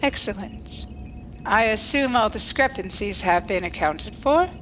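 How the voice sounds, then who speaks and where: Speaking at a measured pace in a medium-pitched, slightly bright voice with lively intonation, a woman portrays a formal, precise, unemotional alien starship officer who is coolly logical and detached, for a sci-fi audio drama. Soft background music plays under this rough recording.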